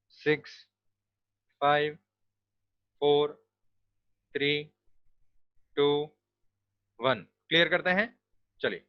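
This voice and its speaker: A man's voice: on the high side, no room sound. A man teaching a grammar lesson, explaining step by step and spelling words out letter by letter. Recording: dull, lo-fi dry recording.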